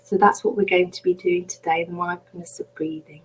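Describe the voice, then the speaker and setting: A woman teaching mindfulness in a live webinar, speaking gently and reassuringly as she leads a guided meditation. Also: lowish voice, fairly even intonation, a little fast, husky, poor audio. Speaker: mindfulness coach. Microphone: webcam or computer mic on a video call.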